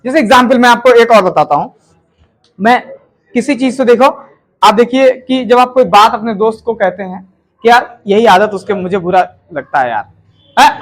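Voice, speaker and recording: A man with a very high voice teaches grammar in a relaxed classroom manner. He keeps checking in with his listeners through quick rhetorical questions. Now and then he acts out example lines in different tones to show how they come across.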